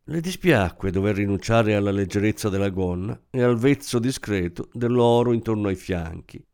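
A man reads a novel aloud as a scripted audiobook, telling the story expressively. His voice sits low, and his pitch moves freely across a wide range. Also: animated, moderate pace, a little mellow, clean tone. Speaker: narrator.

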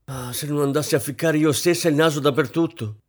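A man voicing a fussy, vain, middle-aged rich woman who snaps orders in a shrill, overwrought way. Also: a little fast, lightly acted. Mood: frantic, bossy.

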